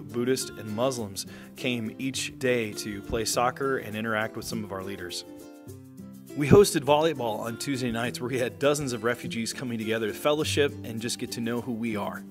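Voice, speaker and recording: A man in his thirties, a pastor giving earnest, upbeat narration for a church video. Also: mid-range voice. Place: indoor room, seated.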